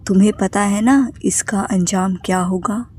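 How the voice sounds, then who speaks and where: A woman's voice: mid-range voice, steady tone, unhurried, darkish tone, slightly rough. A woman voicing a ruthless female witch who speaks in cold, scornful threats in a horror storybook.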